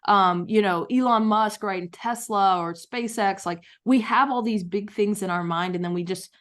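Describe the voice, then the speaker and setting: A woman author, a guest on a podcast, speaking in an enthusiastic, storytelling manner. She has an even, middle pitch, so her voice is neither high nor low. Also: normal speed. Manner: enthusiastic, storytelling with acted quotes. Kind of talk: podcast interview.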